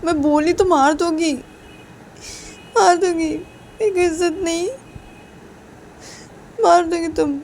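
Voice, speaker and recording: A woman voicing a young woman who is deeply hurt and furious at her partner, speaking in a tearful, repetitive voice that keeps rising. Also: fairly even intonation, moderate pace, a little mellow, slight background noise, natural voice. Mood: hurt angry.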